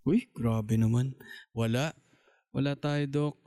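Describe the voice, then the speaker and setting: A man's voice: medium pitch, fairly even intonation, slow pace, warm tone. A man hosting a talk show in a playful, teasing casual chat. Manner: teasing, joking, plays skits. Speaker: podcast host.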